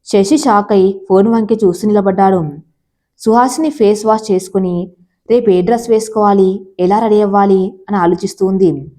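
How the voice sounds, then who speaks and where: A woman storyteller narrating a romantic story in a steady, even way. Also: mid-range voice, moderate pace.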